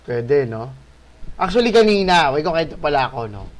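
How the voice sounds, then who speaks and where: A male host telling a spooky encounter in a casual, animated way, swearing and adding tag questions. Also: fairly high pitch, moderate pace, a crowd in the background. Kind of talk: casual storytelling of a ghost encounter.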